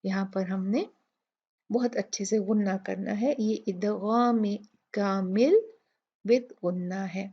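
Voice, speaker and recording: Woman walking through recitation rules letter by letter, slow and a bit gravelly, dull lo-fi sound. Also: mid-range voice, fairly even intonation. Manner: methodical, breaks words into letters and models slow recitation. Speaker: Quran recitation teacher. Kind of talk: tajweed tutorial. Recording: dull lo-fi recording.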